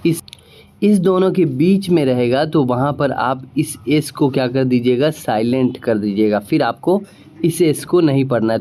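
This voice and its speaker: A man's voice: on the high side, mellow. A man teaching spelling rules. He asks rhetorical questions, answers them himself and often checks whether his students understood. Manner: spells out words letter by letter, slowly. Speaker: English teacher.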